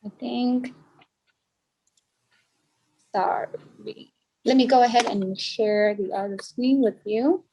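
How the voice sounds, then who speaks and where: A woman with a fairly high, warm voice, recorded at low quality with a little hiss or hum, works as a student services specialist. In an online information session over a video call, she explains enrollment steps to new students, often stopping and restarting in a halting way.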